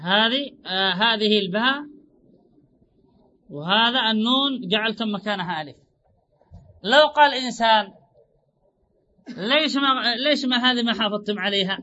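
A man teaching grammar in a classroom lecture, repeating his points, drawing out example words slowly and asking rhetorical questions. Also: sits high, sharp tone, slight background noise. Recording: dull lo-fi recording.

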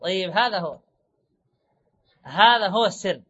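A male teacher lecturing on grammar with a very high, bright voice. He stretches out example words, repeats himself and keeps posing rhetorical questions to the class. The recording sounds dull and lo-fi. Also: expressive, husky. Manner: draws out example words slowly.

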